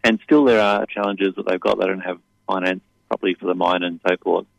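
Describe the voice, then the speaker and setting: Male activist guest on radio, deep gravelly voice, explanatory and loosely phrased. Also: fairly even intonation, fairly quick, no room sound, poor audio. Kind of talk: radio interview.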